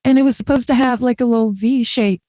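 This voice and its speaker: Using a voice changer that makes them sound feminine, a VTuber streamer chats casually and rambles through gameplay with plenty of fillers. The voice is medium-pitched, steady and fast with a darkish tone, recorded at studio quality with no room sound.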